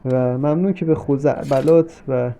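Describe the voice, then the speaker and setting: A young man giving comic commentary while he plays a game. He talks to the characters on screen and jumps from mock soothing to sudden shouting. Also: mid-range voice, gravelly, a little hiss or hum, poor audio. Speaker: gameplay commentator. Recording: game music under the voice. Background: game music.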